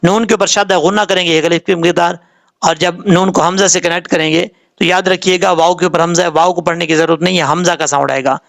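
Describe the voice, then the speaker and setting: A man gives a tajweed lesson in a fairly high voice with a gravelly, creaky edge. He sounds out each syllable slowly and rattles through his explanations. When he recites, his chant rises and stretches out. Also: steady tone, fairly bright tone. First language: Urdu. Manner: spells syllables slowly, then explains quickly; chants verses in a raised, drawn-out tone. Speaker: Quran recitation teacher.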